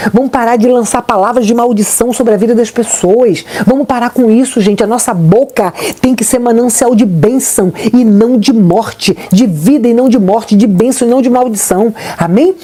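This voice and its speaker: A woman's voice: on the high side, mellow. A woman pastor, preaching an exhorting sermon on a live stream and often asking "amém?". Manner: exhorting, frequent "amém?" and "tá bom?" check-ins.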